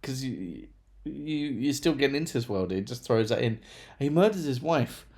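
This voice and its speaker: A man's voice: mid-range voice, big pitch swings, moderate pace, creaky, warm tone. A man chatting casually through a monthly book review, rambling with self-deprecating asides. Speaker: book vlogger.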